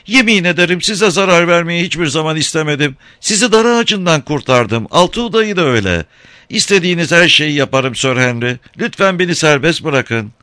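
A man's voice: a little high, lively intonation, fairly quick, bright, forceful tone, no room sound, studio quality, voice pushed up. A man voicing a frightened young woman captive who begs tearfully for mercy in an audiobook. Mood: pleading. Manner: tearful, begging. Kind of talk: audiobook character voice.

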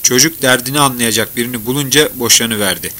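A man reading a novel aloud in a measured storytelling manner. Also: mid-range voice, sharp tone. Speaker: audiobook narrator. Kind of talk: scripted novel narration.

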